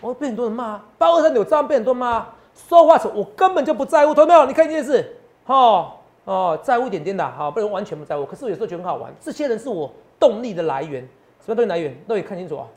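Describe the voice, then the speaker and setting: A man's voice: sits high, sing-song, very fast, a little mellow. A man, working as a stock market analyst and giving boastful finance talk show commentary full of rhetorical questions.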